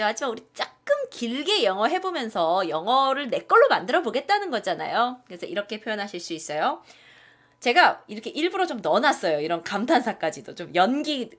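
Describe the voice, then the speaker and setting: A woman teaching English restaurant phrases in a lesson, repeating each phrase slowly for learners. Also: medium pitch, fairly bright tone. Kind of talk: spoken language lesson.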